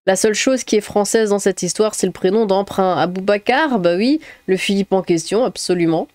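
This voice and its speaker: A woman's voice: medium pitch, fairly quick, a little mellow, dry recording. A woman streamer reading viewer comments aloud in a casual, offhand way, with loose asides between them. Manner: reads chat messages aloud with offhand asides.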